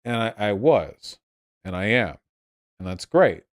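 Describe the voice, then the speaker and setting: A man's voice: on the low side, very animated, slow. A young man rambling casually to a livestream chat, sounding drunk, repeating and restarting his phrases. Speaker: livestream host answering chat.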